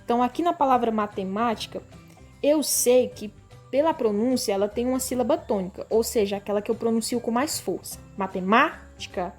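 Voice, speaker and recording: A Brazilian woman teacher giving a recorded grade-school language lesson, calling the class "pessoal" and drawing words out slowly so pupils can hear the stressed syllable. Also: fairly high pitch, a little mellow, faint music behind. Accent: Brazilian Portuguese. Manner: slow, stretched-out word readings for pupils.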